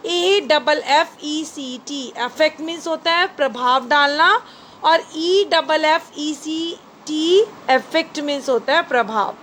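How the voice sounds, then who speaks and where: A woman with a high voice and an Indian English accent teaches grammar to children, switching between English and Hindi. She speaks very slowly and spells each word out letter by letter. The recording has a faint hum of background noise. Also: fairly bright tone. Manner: slow, spells words out letter by letter; addresses listeners as children. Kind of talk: bilingual grammar lesson. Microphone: phone screen recording.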